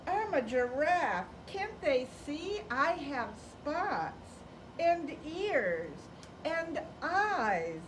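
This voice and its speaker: A woman voicing a flustered male giraffe who keeps being mistaken for a chair, reading him aloud from a picture book in an indignant, drawn-out way. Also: high voice, sing-song, pitched above the performer's own voice, heavily acted. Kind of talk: storybook read-aloud. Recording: distant mic with background noise.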